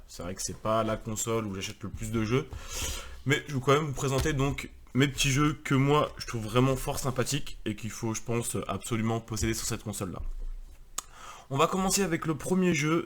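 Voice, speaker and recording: A man's voice: medium pitch, slight background noise. A man, married with a daughter, chatting casually and rambling with many fillers as he presents his video game collection. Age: adult, married with a daughter.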